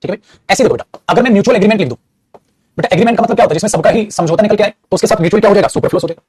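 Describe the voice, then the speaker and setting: A high-pitched, slightly mellow and husky man talks very fast while lecturing a classroom on English grammar. He explains patiently, addresses students as "child," and offers some moral advice.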